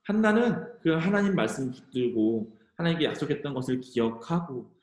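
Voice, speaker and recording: A male youth pastor retells a Bible story to teenagers, his pitch leaping around lively as he speaks to them directly. His voice sits a little high for a man and rings through a roomy church hall. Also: a little fast. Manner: animated storytelling, addressing teens directly. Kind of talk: youth sermon.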